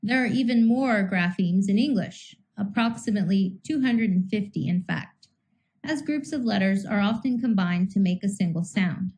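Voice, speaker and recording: A woman narrates a scripted lesson in a mellow, warm voice. Her delivery is measured and even, and she slows down to sound out single speech sounds. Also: medium pitch, low-quality recording. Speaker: instructor.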